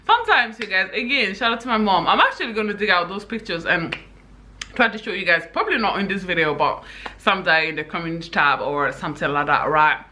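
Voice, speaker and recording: Young woman from senegal chatting to camera, bright voice, lively and chatty, loads of "you guys". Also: on the low side, brisk. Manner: animated, addresses viewers as "you guys", frequent laughs and asides. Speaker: YouTuber. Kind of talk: casual chatty vlog storytelling.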